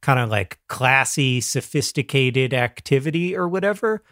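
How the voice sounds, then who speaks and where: A man's voice: medium pitch, expressive, normal speed, fairly bright tone, dry recording, clean studio sound. A man co-hosting a podcast in casual, earnest banter, with a thin, slightly tired voice that leans on repeated words for emphasis. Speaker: podcast co-host.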